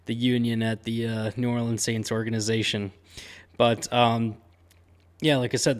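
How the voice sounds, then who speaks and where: A man hosting a casual sports betting picks show, speaking at an everyday middle pitch. He sounds upbeat and conversational and throws in slangy sports talk. Fillers like "um" and "uh" run all through his delivery. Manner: chatty and upbeat, with frequent "um" and "uh" fillers.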